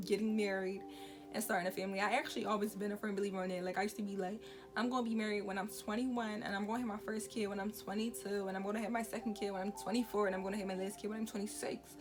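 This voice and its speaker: A woman, talking frankly to camera with lots of "you know, like". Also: medium pitch. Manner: casual, frank, many fillers like "you know, like". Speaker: vlogger. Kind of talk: candid talk to camera. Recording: music playing under the voice.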